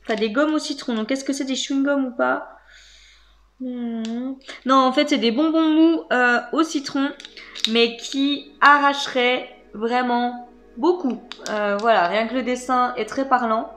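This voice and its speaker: A woman's voice: high-pitched, steady tone, a little slow, fairly bright tone. A woman chatting casually as she unboxes snacks for her channel, hesitant and full of fillers. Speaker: vlogger.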